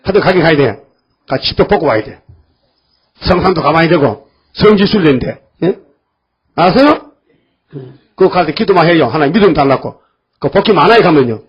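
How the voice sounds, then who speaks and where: A man's voice: fairly high pitch, animated, fairly quick, pauses often, slightly rough. An older man preaching a folksy sermon, scolding his congregation and acting out voices of biblical figures. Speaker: pastor. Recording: dull lo-fi church recording.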